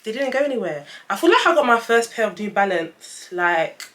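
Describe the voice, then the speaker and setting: A young woman vlogger reviews trainers in a casual, emphatic chat, her voice a little high, very animated, a bit bright, and fairly quick. Dental aligners give her a lisp, so her s sounds whistle.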